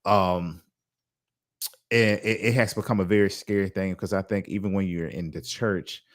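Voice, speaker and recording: Low-voiced man, reflective podcast host. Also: fairly even intonation, moderate pace. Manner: reflective, talks in restarts and asides. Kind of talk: casual interview chat.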